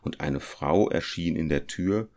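Deep, slow male storyteller. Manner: measured, even storytelling. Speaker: narrator. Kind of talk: storybook reading.

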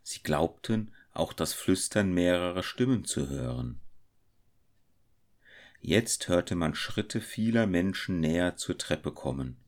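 A man reading a classic tale aloud in a steady, measured storytelling voice. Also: deep voice. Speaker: narrator.

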